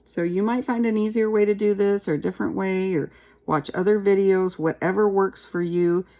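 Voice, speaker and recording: Gravelly-voiced woman teaching a craft. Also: medium pitch, moderate pace. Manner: chatty, relaxed, talks while working with her hands. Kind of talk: casual craft tutorial.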